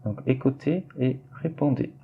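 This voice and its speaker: A man teaching a French lesson, slowly and patiently repeating words for his students. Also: medium pitch, creaky, narrow, tinny audio. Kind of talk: classroom explanation while writing on screen.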